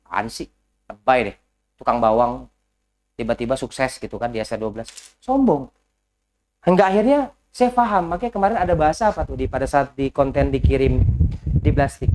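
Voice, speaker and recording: A man giving a motivational business coaching talk to a group indoors, speaking straight to them with rhetorical questions and slipping English business phrases into his talk. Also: high-pitched. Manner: lively, talks straight to the audience with rhetorical questions. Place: indoor session in a house.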